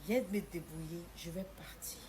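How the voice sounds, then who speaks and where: A woman's voice: on the low side, moderate pace, noisy background. A woman telling her own story, acting out what people said in a shifting voice. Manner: animated, acts out the dialogue in a shifting voice. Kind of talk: personal storytelling.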